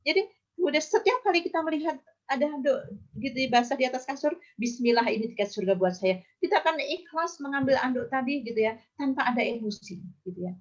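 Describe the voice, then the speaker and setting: A middle-aged woman teaches religion in a gentle, homely way, with a slightly high voice. She often tacks a soft tag phrase onto the end of her sentences. The sound is dull and lo-fi, as over an online call. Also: expressive, quick pace. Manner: gentle, repeats "gitu ya" often.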